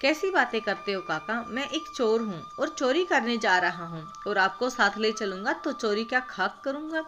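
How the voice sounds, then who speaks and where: A woman's voice: on the high side, wildly swooping pitch, normal speed. A woman reading a storybook voices a polite, kind-hearted male village thief who speaks respectfully. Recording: background music.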